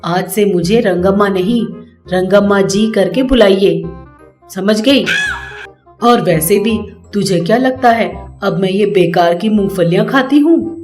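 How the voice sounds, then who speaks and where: A woman's voice: medium pitch, unhurried, darkish tone, reverberant, soft background music, close to an everyday voice. A woman voicing a proud, newly rich older mother-in-law who talks in a haughty, scolding way.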